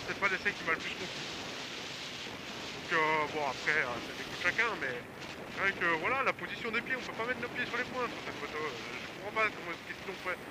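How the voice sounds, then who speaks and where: Man talking loudly over roaring wind. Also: high-pitched. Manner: slangy, mildly swearing, hesitant. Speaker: motorcycle vlogger. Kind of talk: casual rambling vlog chat while riding. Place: outdoors, riding a motorcycle. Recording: loud wind and engine noise on helmet mic.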